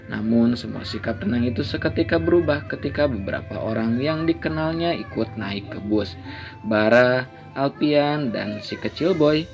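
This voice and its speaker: Male storybook narrator, steady and measured, faint music behind. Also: medium pitch, creaky. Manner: steady, measured reading with small slips.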